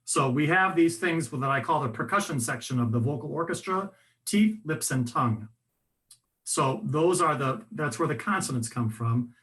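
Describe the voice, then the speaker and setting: A man with a voice pitched a little high leads a workshop on how the voice works. He talks in a loose, conversational way, full of restarts and little asides, and explains things with energy. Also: moderate pace. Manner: conversational, animated, with frequent restarts and fillers. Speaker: voice coach presenting a workshop. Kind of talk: instructive workshop talk.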